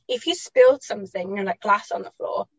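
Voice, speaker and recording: A woman's voice: mid-range voice, fast talker, gravelly, no room sound, lo-fi sound. A woman guest telling personal parenting stories in a chatty, reflective way, laughing often and correcting herself as she goes.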